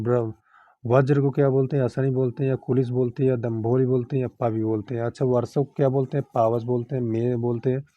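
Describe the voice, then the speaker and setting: A man's voice: medium pitch, no room sound, highs cut off. A man teaching an exam-prep lesson, rattling off long lists of synonyms in set phrases and reminding students what to memorise.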